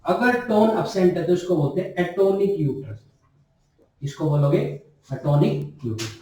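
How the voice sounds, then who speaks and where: A nursing tutor teaches a classroom lecture in a slightly high voice with a darkish tone. He repeats key terms for the nursing students and works through self-posed questions, recorded in an echoey room from a distant mic.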